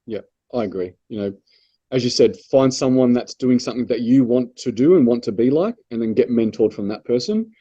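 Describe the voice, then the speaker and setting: A man co-hosting a coaching podcast, calmly explaining answers to listener questions. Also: mid-range voice, fairly quick, husky. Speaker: prep coach podcast co-host. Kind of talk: casual podcast chat. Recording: dull lo-fi sound.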